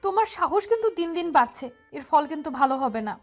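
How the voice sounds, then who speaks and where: A woman's voice: high-pitched, lively intonation, brisk, faint music behind. A woman voicing a hot-tempered, bratty young woman who scolds in a snappy way in an audio love-story drama. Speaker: voice actor.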